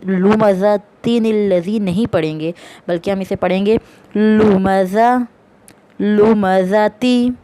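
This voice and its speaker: In a recorded lesson, a woman teaches Quran reading, explaining slowly and patiently and drawing out each example word in recitation. Her voice is medium-pitched and mellow.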